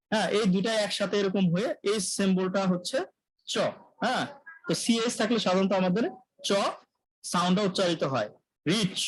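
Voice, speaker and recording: A man teaching English pronunciation in a live online lecture, drilling sounds by repeating them and often clearing his throat. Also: high voice, no room sound, rough recording. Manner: clears throat often, self-corrects mid-sentence.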